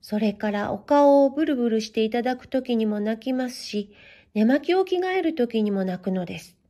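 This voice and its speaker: Female narrator for a classic children's tale, soft and measured, mellow tone with a slightly high pitch. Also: animated. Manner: gentle, measured storytelling in a warm, old-fashioned tone. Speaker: narrator reading a children's story. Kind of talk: scripted storybook narration.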